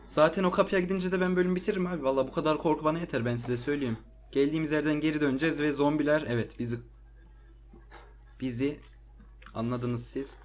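A man's voice: a little high, fairly even intonation, fast talker. Jumpy man narrating a horror game. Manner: jumpy, easily startled, slangy chatter to viewers. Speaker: let's play gamer. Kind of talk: casual gameplay commentary.

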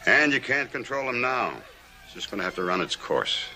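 A middle-aged American actor playing a weary, bitter western sheriff in an emphatic, defensive manner. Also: male voice, medium pitch, expressive, fairly quick, bright, forceful tone. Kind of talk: 1950s television western acting.

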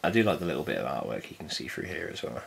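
A man's voice: very deep voice, very animated, racing, gravelly, slight background noise. A man chatting casually as he unboxes a vinyl set, laid-back and jokey, swearing now and then. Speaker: vinyl collector vlogger.

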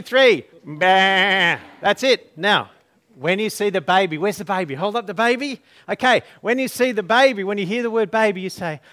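A man's voice: sits high, a bit bright. A man pastor leading a Christmas story at a church service, playfully coaching the crowd through call-and-response prompts.

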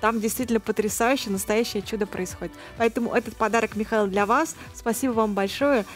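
A woman's voice: on the high side, steady tone, a little fast, soft background music. A woman in her thirties co-hosting a live call-in talk show in an enthusiastic, exclamatory way. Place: small TV studio. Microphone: headset.

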